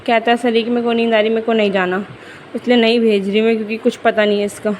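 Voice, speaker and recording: A young woman filming a casual home vlog, chatting about her day and coaxing her little daughter in a lively sing-song. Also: fairly high pitch, fast, a little hiss or hum, low-quality recording. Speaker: vlogger mother.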